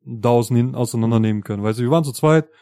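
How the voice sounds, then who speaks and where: Man co-host, mellow tone, chatty anecdotes, dry sound. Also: medium pitch, racing, no echo. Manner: chatty anecdote teller, keeps asking "weißt du?". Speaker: podcast co-host. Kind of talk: casual podcast chat.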